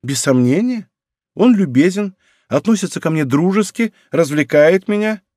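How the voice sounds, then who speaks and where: A man's voice: on the high side, expressive, moderate pace, darkish tone, no room sound, studio quality, voice pushed up. A man voicing a proud young princess in an audiobook, pleading and slightly mocking. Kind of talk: audiobook character reading.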